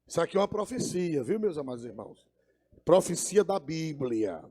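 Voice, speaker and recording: A man's voice: a little high, big pitch swings, normal speed, dark tone, slightly rough. A man preaching a fervent sermon, calling out to the congregation. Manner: fervent, call-and-response with the congregation. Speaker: pastor. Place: church. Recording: echoey church hall.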